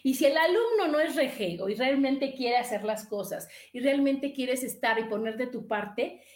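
A woman with a Mexican accent hosts a talk show and gives advice like a therapist. She speaks high and lively, repeating phrases and checking in with "¿no?". The studio sound is roomy and echoey. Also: normal speed. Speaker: radio show host and therapist.

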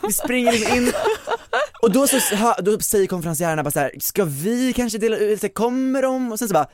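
Lively young woman telling a story. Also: a little high, no room sound. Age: 20s. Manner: animated storytelling, acting out quotes. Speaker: podcast co-host. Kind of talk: casual podcast chat.

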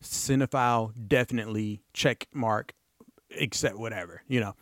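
A man hosting his own podcast in casual solo talk, excitable and rambling, with playful bursts of emphasis. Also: lowish voice, moderate pace, dry recording, studio quality. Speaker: podcast host.

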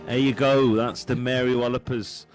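A man's voice: mid-range voice, level tone, moderate pace. A man, co-hosting a casual music podcast, jokey and chatty as he introduces songs. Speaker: podcast co-host. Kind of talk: casual chat about music.

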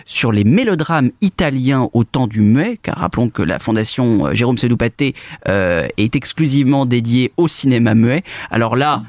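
A man's voice: medium pitch, animated, moderate pace, a little mellow, dry recording. Guy hosting a film radio bit, stops and starts a lot, mid voice, dead dry studio. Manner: hesitant, many fillers and restarts. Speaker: radio show host. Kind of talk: cultural radio chat.

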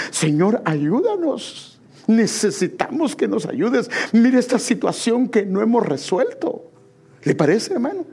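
Husky high-voiced male preacher. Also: a little mellow. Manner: calls listeners brother, repeated rhetorical questions. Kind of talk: sermon.

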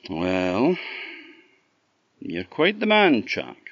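A man's voice: lowish voice, wildly swooping pitch, very slow, a bit bright, no echo, muffled recording, exaggerated voice. A Scottish man voicing a sly supernatural lord in a folk tale, mockingly genial and needling with his questions. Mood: suspicious.

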